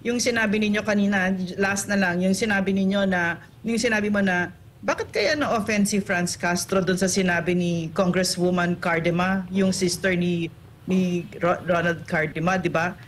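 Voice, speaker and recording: A woman's voice: on the low side, steady tone, normal speed, a little hiss or hum. A woman political commentator in an online interview, talking indignantly and firing off rhetorical tag questions.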